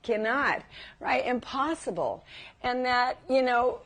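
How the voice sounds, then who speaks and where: A woman's voice: fairly high pitch, expressive, takes it slowly. A middle-aged woman leads a live workshop, talking to the group in a chatty, personal way. She keeps turning to her listeners with questions. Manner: warm, chatty, asks the audience questions. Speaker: workshop teacher.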